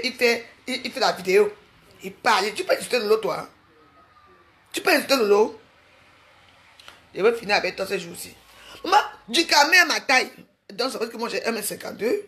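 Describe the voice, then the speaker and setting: A woman talking to her online followers in a mocking, scolding rant, full of quick restarts and jabs. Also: a little high, animated, fairly bright tone. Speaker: social media personality. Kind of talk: ranting live video.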